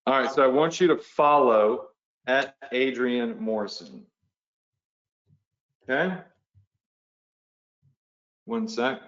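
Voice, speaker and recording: A man's voice: medium pitch, slow, long pauses, a bit bright, echoey room, dull audio. A man hosting a live online training, casual and chatty, walking viewers through steps and checking in with them often. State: has the hiccups. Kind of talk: casual live webinar walkthrough.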